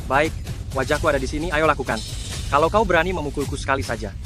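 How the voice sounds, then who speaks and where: A man's voice: fairly high pitch, fast talker, lightly acted. An actor playing an arrogant, spoiled young man who taunts and bullies aggressively in a dubbed drama. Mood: taunting. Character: arrogant young bullying brother-in-law, spoiled and sneering. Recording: dramatic music behind the voice.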